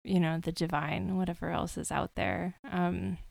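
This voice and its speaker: A woman's voice: lowish voice, fairly even intonation, normal speed, vocal fry, darkish tone, dry recording. A woman hosting a podcast, chatting casually with many fillers and restarts. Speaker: podcast host.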